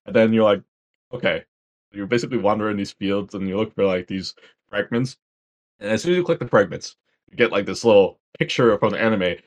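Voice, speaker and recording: Animated man in casual game chat. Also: fast. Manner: animated, acts out game dialogue in high mocking voices, laughs often. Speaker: podcast co-host reviewing games.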